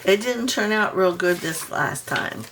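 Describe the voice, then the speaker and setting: A woman's voice: lowish voice, expressive, unhurried, background noise. A woman vlogging casually from her home craft room, rambling and chatty as she works on a project. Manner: rambling, chatty, with many restarts. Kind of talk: casual crafting chat while working.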